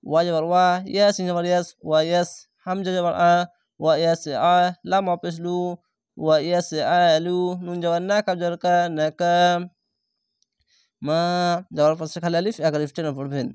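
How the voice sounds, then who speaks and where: Male recitation teacher, fairly high and crisp voice, patiently spelling out letters and stretching the chanted words, dry close sound. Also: flat delivery, a little fast, darkish tone, no room sound. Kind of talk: step-by-step recitation lesson.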